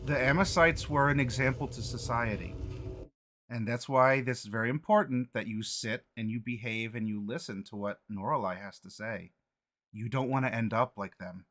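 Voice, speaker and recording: A man's voice: mid-range voice, normal speed, a bit bright, lightly acted. A man voicing a prim, matronly orphanage headmistress in a tabletop game, lecturing in an instructive tone. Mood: stern lecturing.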